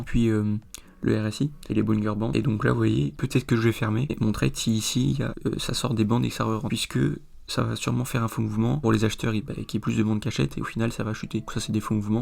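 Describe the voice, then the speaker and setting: A trading video host with a lowish, somewhat mellow and slightly hoarse voice explains a chart in a screen-recorded tutorial, wandering off track with plenty of fillers.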